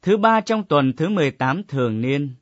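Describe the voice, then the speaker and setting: A man's voice: a little high, animated, normal speed, no room sound. Solemn man reading scripture. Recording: dull, dry lo-fi recording.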